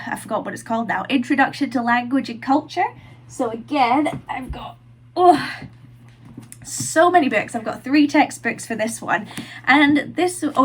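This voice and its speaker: Her nose blocked by a cold, a university student vlogs from her room in a chatty, filler-heavy style, saying "like" and "um" constantly. She has a fairly high voice with a breathy edge.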